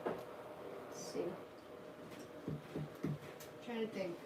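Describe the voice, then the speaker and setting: A male sidekick on a casual live stream, giving brief, easygoing replies. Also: very slow. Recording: roomy echo, distant mic, noisy.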